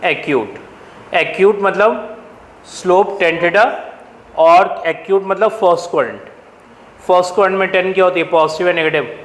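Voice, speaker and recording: A high-pitched man with an Indian accent lectures a math class, quizzing the students and then supplying the answers himself. His voice rings through a roomy classroom with a long tail of reverb and a faint hum of ambience behind it. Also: normal speed. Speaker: math teacher.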